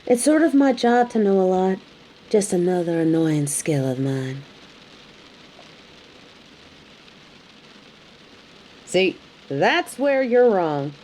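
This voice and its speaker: In an audio roleplay, a woman plays a tough, sardonic bounty hunter who is grudgingly hospitable, addressing the listener with dry, taunting, scolding bluntness in a stern mood. Her fairly low, mellow voice is very animated at a measured pace, with rain in the background. The audio is poor, carrying a little hiss or hum.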